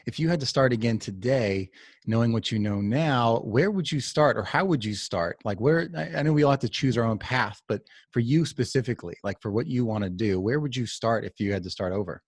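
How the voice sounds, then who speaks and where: A man's voice: mid-range voice, animated, fairly quick, husky, dry recording. A man hosting a podcast interview, talking conversationally and asking long, searching questions. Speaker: podcast host. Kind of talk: casual interview talk.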